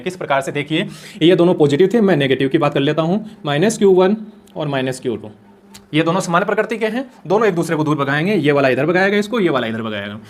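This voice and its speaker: A man teaching physics in a lecture, asking his own questions and answering them, repeating key points as he works through them on the board. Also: a little high. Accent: Hindi. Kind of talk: classroom lecture explaining on a board.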